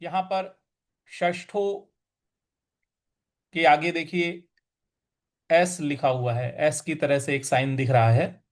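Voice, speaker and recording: A man with a fairly high voice leads a recitation lesson. He explains each syllable patiently and chants the words at an extremely slow, drawn-out pace. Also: steady tone. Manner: patient, explains stress then chants each word slowly. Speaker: teacher of Gita recitation.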